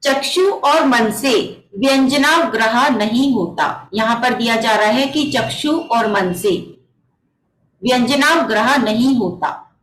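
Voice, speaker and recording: A woman with a high voice teaches a scripture class over a video call. She explains each point patiently and keeps asking rhetorical questions. Her voice carries a noticeable echo from the room. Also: slow pace, fairly bright tone. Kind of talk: online religious text class. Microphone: computer mic on a video call.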